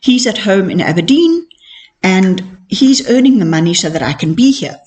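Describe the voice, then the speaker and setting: A middle-aged woman who says her R's softly, like W's, telling her own story as a podcast host in a candid, reflective, self-assured way. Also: mid-range voice, sing-song, normal speed. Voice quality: cannot pronounce R's properly, softened w-like R. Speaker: podcast host and mentoring coach. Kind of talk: personal storytelling monologue.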